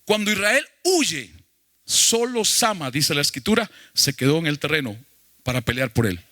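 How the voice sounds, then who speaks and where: Male pastor, sermon, fairly high voice, emphatic and questioning, dry close sound. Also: sing-song, normal speed, sharp tone, no echo. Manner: emphatic preaching with questions to the congregation.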